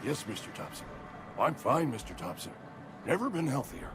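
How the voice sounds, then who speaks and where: An actor playing a nervous, fatalistic company worker in a video game, ailing and doom-laden, with quaintly formal, folksy talk. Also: male voice, mid-range voice, very animated, moderate pace, noisy background, natural voice. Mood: nervous, falsely cheerful. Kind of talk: video game character acting.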